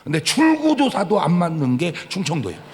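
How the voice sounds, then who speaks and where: A man's voice: fairly high pitch, brisk. A middle-aged man with a Chungcheong accent preaching a humorous Sunday sermon, acting out conversations in regional dialects. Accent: Chungcheong Korean. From Chungcheong, Korea. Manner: animated storytelling, acting out dialogue and dialects for laughs. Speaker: pastor. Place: church sanctuary. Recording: reverberant church hall.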